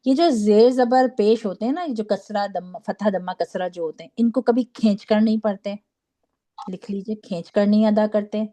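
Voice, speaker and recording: A woman teaching a Quran recitation class, patiently drilling syllables slowly and checking in with her students. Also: mid-range voice, mellow. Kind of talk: online class lesson.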